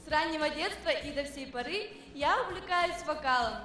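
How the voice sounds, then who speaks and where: A woman's voice: high-pitched, moderate pace, sharp tone, slight background noise. A young woman of nineteen giving a formal stage self-introduction as a pageant contestant. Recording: echoey hall from far off, music.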